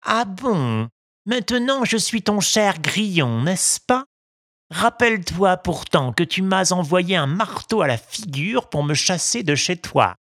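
A reader voicing a small, wise male cricket with a thin, quiet, reproachful voice. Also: mid-range voice, sing-song, slow pace, no room sound, studio quality, voice pushed up, heavily acted.

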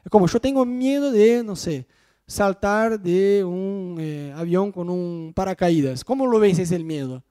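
A middle-aged man preaches in a Rioplatense Spanish accent, moving between personal anecdotes and Bible verses. His voice sits high for a man yet sounds dark and mellow rather than sharp. He talks in an animated, joking way and keeps checking that his listeners follow him. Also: measured pace, clean tone. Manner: animated, jokey, asks the congregation if they follow. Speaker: pastor.

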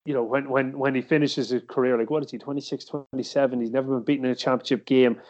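An Irish man hosts a sports podcast in a mid-pitched voice. He talks casually and haltingly, doubling back on words, and the recording is a little dull. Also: steady tone, a little mellow. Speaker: podcast host. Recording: slightly dull, muffled podcast audio.

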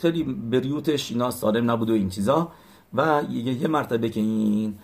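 A man tells a religious story in an even middle register. He stops and restarts often. He raises his voice to act out what his characters say. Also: mid-range voice. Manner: halting, with many fillers and restarts. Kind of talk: retelling religious stories to listeners.

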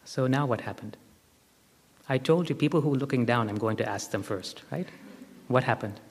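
A man's voice: medium pitch, moderate pace, breathy edge. Man teaching spirituality in a reverberant hall. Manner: emphatic repetition of short phrases; probing questions to listeners. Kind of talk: spiritual discourse and guided meditation to a group.

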